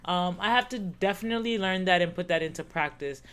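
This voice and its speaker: Co-hosting a relaxed podcast conversation, a woman in her thirties talks in a lowish, brisk voice that is fairly bright, clear and resonant. She comes across as earnest and reflective, frequently repeating herself.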